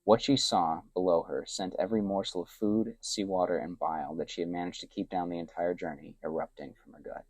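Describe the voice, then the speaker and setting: A man with a very low, deep voice reads an adventure tale in a soft, hushed storytelling manner. His voice sits close and dry, with almost no room sound around it. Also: fairly even intonation, a little fast, hardly any pauses, husky, no room sound. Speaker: narrator. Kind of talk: soft-spoken story narration.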